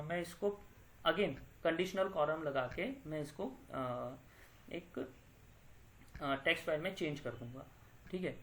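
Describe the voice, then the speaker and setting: This is a data analytics tutor, male and fairly high-voiced, narrating his clicks through a software tutorial. His speech is full of filler pauses and self-corrections partway through sentences, over a faint background hiss.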